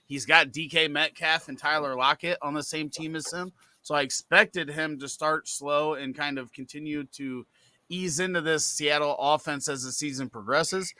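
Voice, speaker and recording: Easygoing male co-host, very bright tone, dead-dry close-mic sound. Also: on the high side, dry recording. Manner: relaxed, easygoing, with fillers. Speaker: podcast co-host reading viewer questions. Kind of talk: casual live Q&A chat.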